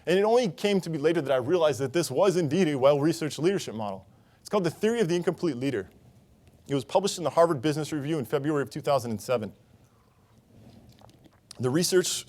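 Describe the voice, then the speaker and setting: A man's voice: a little high, darkish tone. A young man giving a conference talk, telling a personal story in an earnest way on a conference stage. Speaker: conference speaker.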